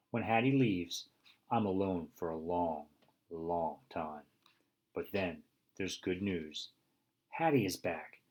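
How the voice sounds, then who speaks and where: Male audiobook reader, low husky voice, expressive first-person storybook narration. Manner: expressive, with bursts of high excitement.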